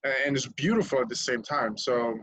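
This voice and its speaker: A man's voice: medium pitch, fairly quick, fairly bright tone, slightly rough, no echo, poor audio. A young man from Lebanon, a podcast guest telling his story candidly in casual chat, swearing freely and laughing at himself.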